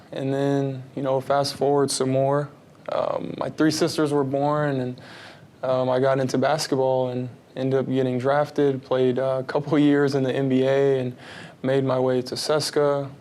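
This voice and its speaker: A relaxed man in his thirties who grew up in Texas talks through his answers in a casual interview. He rambles a little and keeps his voice level and even, with hardly any rise or fall. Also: medium pitch. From United States (Texas). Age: 30s. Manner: relaxed, rambling, many fillers and restarts. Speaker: basketball player, interview guest.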